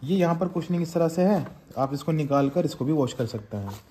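In a small home room filled with trophy shelves, an Indian man in his thirties casually unboxes and reviews a helmet. His fairly high, warm voice is animated and brisk. He chats easily with his viewers, calling them guys and friends, and drops in English phrases as he goes.

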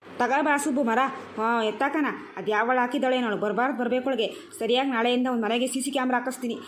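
A woman's voice: fairly high pitch, steady tone, fast talker, a little hiss or hum, lightly acted. A woman voicing a cursing homeowner. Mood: furious. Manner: scolding, shouting curses at neighbours. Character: quarrelsome rural homeowner woman, loud and cursing. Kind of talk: cartoon comedy voice acting.

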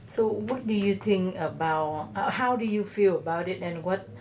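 A woman interviewer asking questions off camera, with halting, hesitant phrasing full of "uh"s. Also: medium pitch, a little mellow, a little hiss or hum, low-quality recording.

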